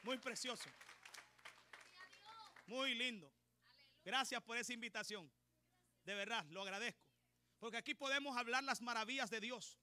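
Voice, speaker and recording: A man preaching a sermon with fervor, building up to shouting. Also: very high-pitched, moderate pace, pauses often.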